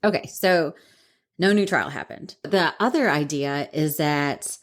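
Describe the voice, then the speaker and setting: A woman's voice: low-pitched, unhurried. A woman co-hosting a podcast, telling a story in casual chat, rambling and laughing often. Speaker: podcast co-host.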